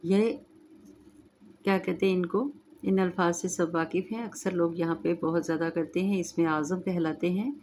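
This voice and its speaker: A woman teaching Quran recitation rules, chanting verses slowly and then explaining each rule calmly, with an Urdu accent. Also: lowish voice, slight background noise. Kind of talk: tajweed lesson, slow recitation then explanation.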